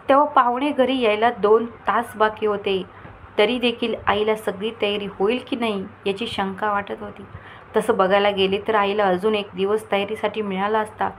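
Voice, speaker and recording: A woman storyteller reading a scripted moral story aloud in a steady storytelling way. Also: medium pitch, slight background noise, low-quality recording.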